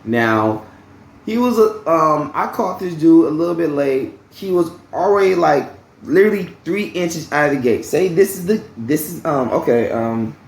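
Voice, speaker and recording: In a reverberant space, a man with a fairly high, creaky, animated voice recounts a work story at normal speed for his vlog. His telling is loose and repetitive, full of "okay?" check-ins and blunt, free-flowing profanity.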